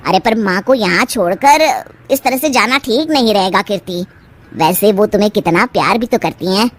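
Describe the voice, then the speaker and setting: A woman's voice: medium pitch, normal speed, natural voice. A woman voicing a meek young husband in a cartoon, hesitant and yielding. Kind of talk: cartoon voice acting.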